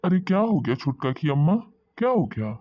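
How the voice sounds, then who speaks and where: A woman's voice: low-pitched, very animated, brisk, no echo, pitched below the performer's own voice. A woman voicing a bumbling, henpecked old father-in-law in a cartoon, with a flustered, pleading manner and muffled audio. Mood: cheerful. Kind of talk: cartoon voice acting.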